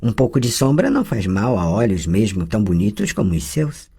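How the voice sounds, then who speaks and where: A reader putting on a calm, teasing sorceress from an audiobook, speaking softly and a little lower than usual. Her pitch swings in a lively way as she corrects her young pupil with patience. The feel is a gentle storybook scene. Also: brisk, breathy edge. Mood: tender. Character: patient adult sorceress woman, teasing teacher. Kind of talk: audiobook dialogue reading.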